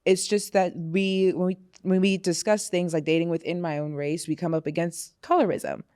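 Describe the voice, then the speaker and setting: A woman's voice: fairly low pitch, fairly even intonation, moderate pace, warm tone. A young woman from Florida chatting candidly as a podcast guest, laughing often and using fillers like "you know". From Florida, USA. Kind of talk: casual podcast chat.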